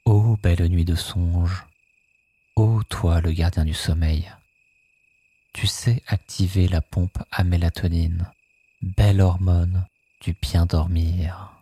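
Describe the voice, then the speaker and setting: A sleep meditation guide narrating guided hypnosis in a soothing, hushed manner, softly echoing some phrases. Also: low-pitched, fairly even intonation, slow, slightly rough.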